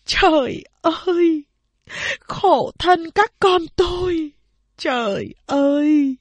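A woman's voice: very high voice, animated, takes it slowly, no room sound, voice pushed up, heavily acted. A woman voicing a desperate peasant mother worn down by famine, pleading and wailing in a raised voice.

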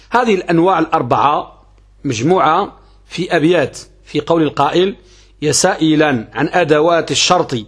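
A man's voice: fairly high pitch, slightly rough. A man, an Islamic scholar giving a classroom grammar lesson, repeating his key phrases and checking that students follow.

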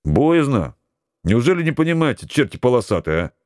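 A boisterous young sailor, as a male audiobook reader puts him on, loud and teasing with his crewmates. The voice sits high and jumps about eagerly, clean and dry with no room sound. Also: very animated, brisk, no room sound, close to an everyday voice. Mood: grumbling. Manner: shouting, teasing, high-pitched. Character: excitable red-haired young sailor, loud joker.

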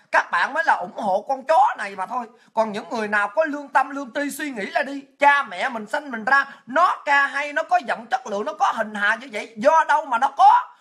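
A woman's voice: high-pitched, fairly bright tone, breathy edge. A woman with a Southern Vietnamese accent, delivering an angry, profane political rant as an online commentator. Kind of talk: ranting online monologue.

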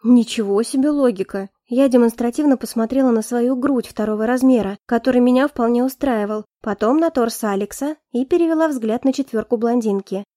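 A woman reading a first-person story aloud, with a sardonic, lively manner. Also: fairly high pitch, a little fast, few pauses, dry recording, clean studio sound. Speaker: audiobook narrator. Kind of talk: first-person audiobook narration.

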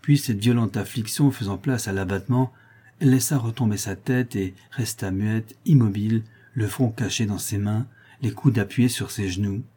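Guy narrating an old novel audiobook, mellow dark tone, measured. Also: on the low side, slightly rough. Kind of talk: scripted narration of a classic novel.

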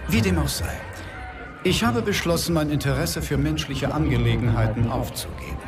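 A man playing Death in a radio play as a formal, solemn, weary father who speaks in measured, slightly hesitant phrases. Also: a little high, vocal fry. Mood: formal, reserved. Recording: crowd and music behind.

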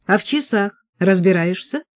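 A reader voicing a calm, sensible male leader in a storybook. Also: medium pitch, moderate pace, no room sound, natural voice. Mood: level-headed.

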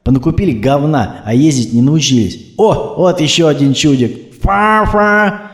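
A man voicing a rude, swaggering young male thug who shouts at other drivers. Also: a little high, moderate pace, voice pushed up, close to an everyday voice. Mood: brash. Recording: roomy echo.

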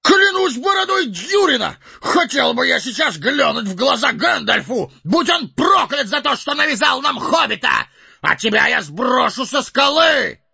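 A man's voice: expressive, fairly quick, lo-fi sound, full character voice. A man reading an audiobook voices an enraged, proud older dwarf king in a strained, ranting voice, over faint music. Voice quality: shrill, gravelly and strained when shouting. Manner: ranting, accusing.

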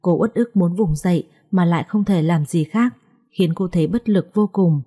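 A woman storyteller narrating a scripted story and voicing every character herself, growing sharper and quicker in the quarrels. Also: on the low side, warm tone, husky.

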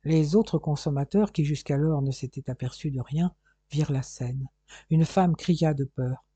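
Husky dark-voiced man narrating. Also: fairly high pitch, measured pace, dry recording. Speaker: audiobook reader. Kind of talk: scripted narration of a crime novel.

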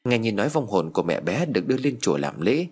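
A man narrating a first-person horror story in an expressive, scripted storytelling manner. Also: on the low side, fast talker, slightly rough.

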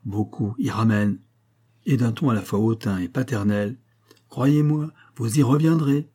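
A man's voice: warm tone, breathy edge. A man reading a classic novel aloud, lifting his voice for the quoted dialogue. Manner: acts out dialogue with raised pitch. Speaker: audiobook reader. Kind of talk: literary audiobook narration.

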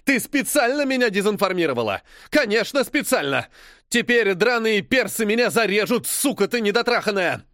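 A squealing, high-pitched British spy spits crude threats in a strong British accent, voiced by a man. The voice swings wildly and stays loud and raw. The sound is close and dry. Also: animated, moderate pace, no echo. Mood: enraged. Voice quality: shrill, squealing. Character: shrill, vicious male British spy, panicking. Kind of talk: audiobook character voice.

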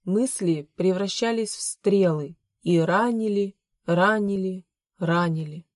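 A woman narrating a story in a soft, measured reading voice. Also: medium pitch, no room sound, clean studio sound. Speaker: audiobook narrator. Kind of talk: scripted narration.

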